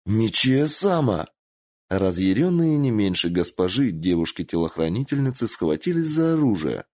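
A man narrating a story in an expressive, lively storytelling manner. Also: low voice, normal speed, no echo, clean studio sound. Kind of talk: audiobook narration.

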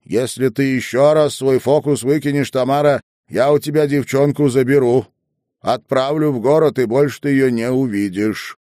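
A man voicing a cold, furious female village headwoman in an audiobook, scolding and shouting. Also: mid-range voice, fairly even intonation, normal speed, dry recording, clean studio sound, pitched above the performer's own voice, close to an everyday voice. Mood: cold threat.

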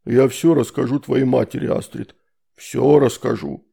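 A man reading an audiobook, voicing a huge grumpy demon uncle who drawls slow threats. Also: on the high side, lively intonation, gravelly, dark tone, slightly rough, full character voice.

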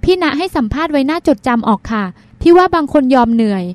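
A woman reads a young female radio host with a high, quick voice. She speaks politely yet pointedly, sharp and witty, in a dry close recording. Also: expressive, dry recording.

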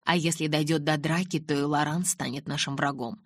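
Brief: female narrator playing a commanding angry young man, low husky voice, audiobook. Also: fairly even intonation, a little fast, dry recording. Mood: tense. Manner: curt, snapping, barking.

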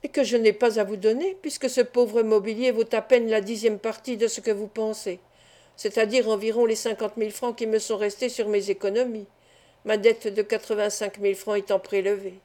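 A woman's voice: medium pitch, steady tone, brisk, mellow, close to an everyday voice. A woman reading a desperate accused man protesting. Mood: indignant. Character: accused male clerk, indignant and desperate.

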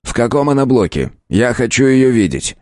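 Older male professor, brisk and authoritative, voiced by the male narrator; lively rises, dry studio read. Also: mid-range voice, dry recording, voice pushed up, lightly acted. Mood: grave.

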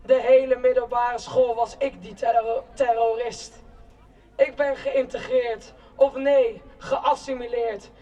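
A young woman giving a protest speech in a slow, declamatory spoken-word style, with shouted chants between lines. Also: a little high, steady tone. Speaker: rally speaker. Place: outdoor city square at a demonstration. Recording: distant outdoor rally recording.

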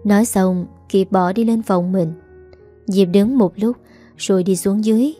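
A woman's voice: mid-range voice, measured pace, faint music behind. A woman narrating a serialized story aloud, reading every character in the same voice. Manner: reads all characters in one even voice.

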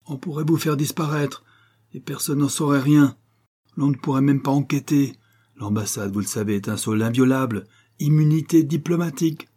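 A man voicing a burly German major who is gruff, blustering and menacing in a storybook reading. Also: medium pitch, normal speed, dark tone, pitched above the performer's own voice, natural voice.

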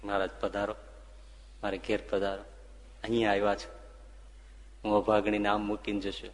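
A man's voice: lowish voice, monotone, moderate pace, natural voice. A man voicing a humble, devoted village woman who pleads earnestly, within a sermon story, in a reverberant hall. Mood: pleading.

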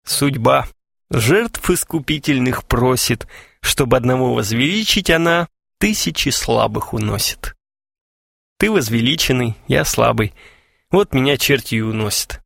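A man's voice: mid-range voice, lively intonation, a little slow, gravelly, fairly bright tone, no echo, studio quality, heavily acted. A man doing a wry, teasing young joker. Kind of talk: audiobook character voice.

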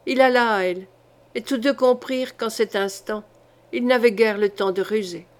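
Woman, audiobook narrator, fairly high voice, measured, dramatic reading of a historical novel. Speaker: audiobook reader.

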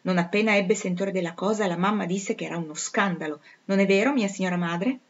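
A woman's voice: mid-range voice, fairly quick, highs cut off, close to an everyday voice. A woman reading aloud, voicing a haughty young noblewoman who speaks with scorn and chatters with disdain. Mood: mocking.

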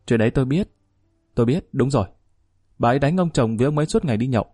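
Brief: steady, no-nonsense village woman mediator, read by a man, middle pitch, firm and measured. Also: husky, dry recording, studio quality. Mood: calm firm. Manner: measured, plain-spoken, commanding.

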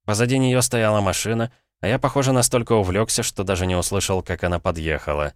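A man narrating a first-person fantasy audiobook in a measured, wry manner. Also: fairly low pitch, dry recording, clean studio sound.

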